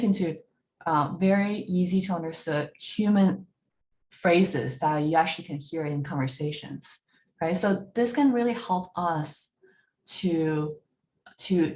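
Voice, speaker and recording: A woman's voice: on the low side, darkish tone. A woman presenting at a business bootcamp, often checking in with "right?" and restarting her sentences. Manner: frequent fillers and restarts, repeats words while searching; ends points with a questioning "right?". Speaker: workshop speaker. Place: online talk.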